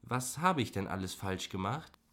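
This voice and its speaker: A man reading an audiobook, voicing a composed, sharp-witted female prosecutor who speaks precisely and with irony. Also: fairly low pitch, lively intonation, normal speed. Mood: demure. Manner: precise, ironic.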